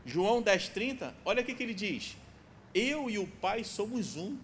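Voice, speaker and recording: A man in his forties preaching a sermon as pastor in a church, emphatic, repeating key phrases and dropping to a soft pleading tone. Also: high voice, very animated, moderate pace, slight background noise. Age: 40s. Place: church sanctuary.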